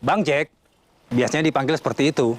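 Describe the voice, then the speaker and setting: A man's voice: mid-range voice, fairly quick, close to an everyday voice. An actor playing a polite, easygoing man asking his way in a TV drama. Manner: polite, casual. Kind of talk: television drama acting.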